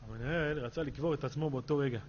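A man, a rabbi, telling a story in a sermon and acting out his characters' dialogue in a lively way. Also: mid-range voice. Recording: dull lo-fi recording with faint hum.

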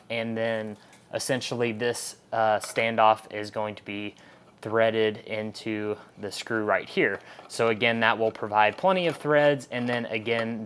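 A man giving a methodical, step-by-step instructional voice-over, often repeating himself as he explains each step. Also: medium pitch. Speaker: model aircraft build instructor.

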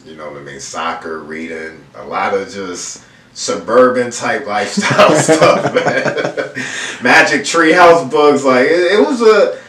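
Here the Houston-raised painter, a man in his thirties, has a mid-range, animated voice with a fairly bright tone and a measured pace. He's relaxed and slangy in this casual interview, using lots of fillers while seated on a leather couch indoors. The sound is distant and echoey, slightly off mic, with faint background noise.

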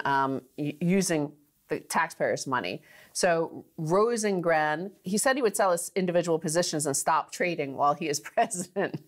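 A woman co-hosting a finance talk show, chatting and laughing lightly as she talks in a studio. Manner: chatty, laughs through lines, rising pitch for emphasis. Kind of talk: conversational studio commentary.

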